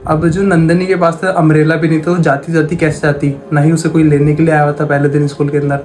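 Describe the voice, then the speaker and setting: Faint music plays behind a man spinning a spooky tale in a relaxed, conversational way. He repeats phrases and voices the dialogue plainly, like ordinary talk. His delivery is quick and level, with a somewhat high, slightly mellow voice.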